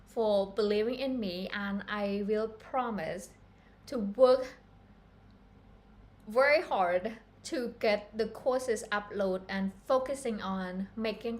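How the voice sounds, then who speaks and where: A woman hosts a casual live-stream lesson, speaking in an unhurried, deliberate way at a middle pitch. She is chatty and earnest and keeps calling her viewers "guys" as she explains. The tone is friendly and instructional. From Cambodia. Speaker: fashion pattern-making instructor.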